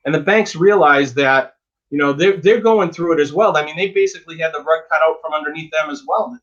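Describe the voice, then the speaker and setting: A man's voice: on the high side, fairly bright tone, lo-fi sound. A dentist giving frank, emphatic advice in a casual interview, often repeating words as he talks.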